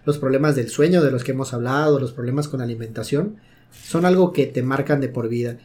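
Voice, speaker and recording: Thoughtful podcast host. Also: male voice, medium pitch, warm tone. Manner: reflective, measured wrap-up. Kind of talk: casual podcast talk.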